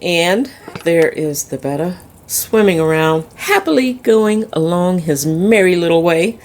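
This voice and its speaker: A woman's voice: on the low side, a little slow. A woman, chatting casually and fondly as she films her fish tanks at home. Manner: chatty, fond and relaxed narration. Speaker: aquarium vlogger. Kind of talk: casual chat. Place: indoors at home by a fish tank.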